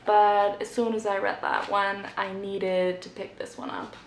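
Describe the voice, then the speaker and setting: A woman's voice: mid-range voice, little pitch movement, a little slow. Chatty woman with many fillers, echoey room. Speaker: book vlogger. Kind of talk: casual book haul chat. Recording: echoey room, faint background noise.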